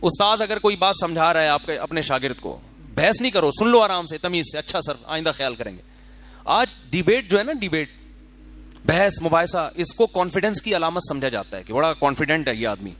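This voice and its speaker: High-voiced man preaching conversationally. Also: animated, fairly bright tone. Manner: conversational preaching with acted quotes and rhetorical questions. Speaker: Islamic scholar. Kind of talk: sermon.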